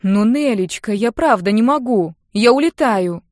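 A woman's voice: fairly high pitch, expressive, normal speed, no room sound, studio quality, pitched above the performer's own voice, natural voice. A woman voicing a flighty grown man, an artist father who pleads and apologizes to dodge his duties. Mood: pleading. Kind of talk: audiobook character voice.

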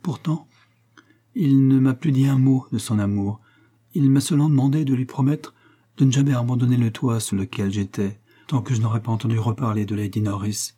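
Brief: earnest young heroine in a storybook reading, pleading and emotional, dark husky tone, played by a man. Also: mid-range voice, fairly quick, close to an everyday voice. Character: young woman, earnest and lovesick.

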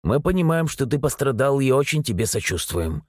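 A man voicing a gruff, bossy middle-aged stepfather who scolds and barks. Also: medium pitch, big pitch swings, brisk, no room sound, clean studio sound. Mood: reproachful. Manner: scolding, barking.

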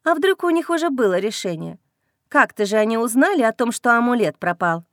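A woman's voice: on the high side, lively intonation, fairly quick, a bit bright, no room sound, clean studio sound. A woman voicing an anxious, fretful female werewolf mother in an audiobook. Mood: worried. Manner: fretful, pleading. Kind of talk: audiobook character reading.

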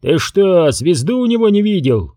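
A man's voice: on the high side, sing-song, measured pace, mellow, no room sound, clean studio sound, voice pushed up, exaggerated voice. A man reading an audiobook, voicing a ruthless, domineering rancher boss who speaks in brusque commands.

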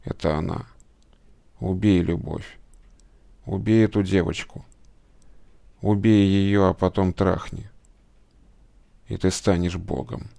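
Menacing devil in a low hushed rumble, gravelly and dry, as a narrator puts him on. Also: male voice, steady tone, slow, long pauses, no room sound, heavily acted. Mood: menacing whisper. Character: sinister male devil, goat-jawed and mocking.

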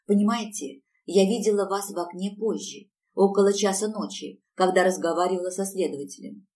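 A woman's voice: medium pitch, a little fast, a little mellow, close to an everyday voice. A woman reading the part of a young woman who asks urgent, probing questions, picked up from a distance. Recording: distant mic.

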